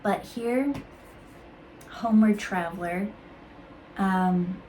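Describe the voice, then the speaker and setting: A woman reading intuitive cards in a casual, musing way, halting with fillers and restarts. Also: mid-range voice, dark tone, slight background noise, poor audio. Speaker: intuitive card reader. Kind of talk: casual spiritual card reading.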